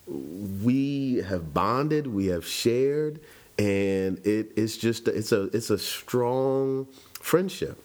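A man's voice: lowish voice, a little mellow. A man in his forties from Chicago, reflectively telling his life story in an interview. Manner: reflective, conversational, with frequent restarts.

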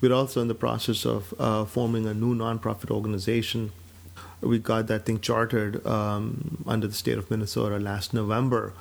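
A Pakistani man in his forties, a physician who directs a clinic, speaks to camera about his life and work. His voice is on the low side and creaky, and he talks in a measured, steady way with frequent fillers.

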